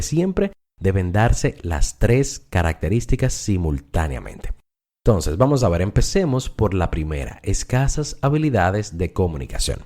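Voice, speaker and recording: A man's voice: medium pitch, dark tone. A man from the Dominican Republic explaining a topic in a lecture style, speaking to the listener directly and repeating words for emphasis. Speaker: neuropsychologist teaching.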